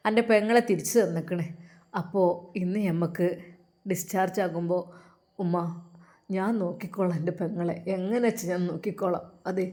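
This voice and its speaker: A woman voicing a grieving young man, a loyal brother who speaks in an earnest, halting, pleading way. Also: medium pitch, dark tone, lightly acted.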